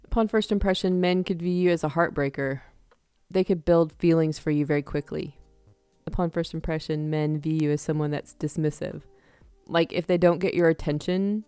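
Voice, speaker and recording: Tarot reader, woman, low smooth voice, chatty with frequent laughs, dry close sound, soft music underneath. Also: no echo. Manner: chatty, laughs often, acts out quick examples. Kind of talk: casual tarot reading to camera.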